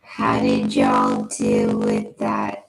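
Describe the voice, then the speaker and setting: A woman's voice: rumbling low, sing-song, drawn-out words, vocal fry, reverberant, loud music behind the voice. A woman hosting a casual chat whose voice comes through robotic and metallic from failing wireless earbuds. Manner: laughs often, chatty. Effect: robotic, glitchy metallic voice from dying wireless earbuds. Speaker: host of a writing sprint stream.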